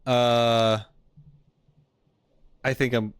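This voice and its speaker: In a clean studio recording without room sound, a man with a smooth, mid-range voice speaks very slowly and flatly. He hosts a casual livestream reacting to game content, joking with viewers, rambling, and repeating himself.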